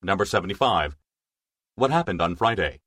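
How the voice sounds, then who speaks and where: A man reading scripted exam narration as a test narrator, in a formal, measured way. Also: deep voice, expressive, a bit bright, no echo, clean studio sound.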